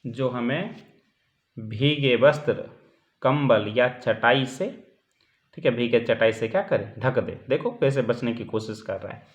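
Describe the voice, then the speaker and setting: Heard through a dull lo-fi recording, a man with a mid-range voice speaks a little slowly as he lectures. He breaks down a text step by step, answers questions he asks himself, and often checks in with the class.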